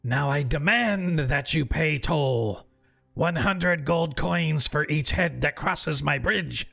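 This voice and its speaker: A man voicing a huge menacing male troll in a tabletop fantasy game, with a gruff, gravelly growl and an imperious, threatening way of talking. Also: fairly high pitch, takes it slowly, a bit bright, soft background music, exaggerated voice. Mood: menacing, demanding.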